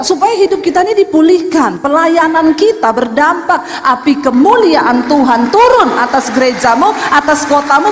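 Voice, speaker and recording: A middle-aged woman pastor giving a lively, chatty sermon, acting out the voices in her stories. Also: sits high, a little hiss or hum. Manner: animated storytelling, acts out voices of others; colloquial, chatty preaching with Javanese-flavored particles. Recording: long hall reverb.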